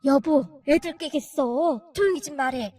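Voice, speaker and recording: A caring elderly mother-in-law frets and hushes, as a woman voices her in a told-to-radio family story. Her voice sits very high, with soft music playing underneath. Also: measured pace, no echo. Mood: worried. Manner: anxious, hushing.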